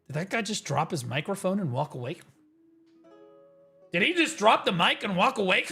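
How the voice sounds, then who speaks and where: A man's voice: sits high, expressive, moderate pace, sharp tone, breathy edge, soft background music. A man on a livestream headset mic, ranting sarcastically and swearing through casual game commentary. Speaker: livestream gamer.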